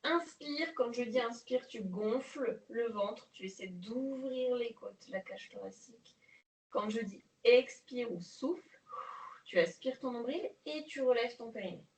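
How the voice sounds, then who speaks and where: Slow, calm woman coaching breaths. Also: fairly high pitch, recorded from a distance. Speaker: prenatal fitness instructor. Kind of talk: guided exercise class. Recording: echoey room, voice off-mic.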